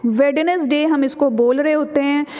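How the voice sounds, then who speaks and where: A woman teaching English pronunciation in an online lesson, explaining in Urdu mixed with English and drawing out each model word slowly. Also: high-pitched, fairly even intonation, dark tone, in a large hall. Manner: explains in Urdu mixed with English, repeats "theek hai" often; slows down sharply on English model words.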